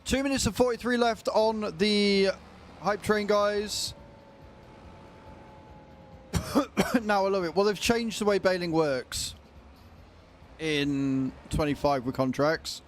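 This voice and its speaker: A man's voice: sits high, steady tone, slow pace, long pauses, slight background noise. A man livestreaming a video game, chatting casually and informally with his viewers. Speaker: livestreamer, gamer.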